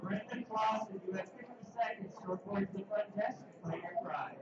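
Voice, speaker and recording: A man making calm, measured public address announcements as a casino announcer, paging names over a loudspeaker. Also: high voice. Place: casino card room, indoors. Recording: echoey muffled loudspeaker heard from far off in a noisy room.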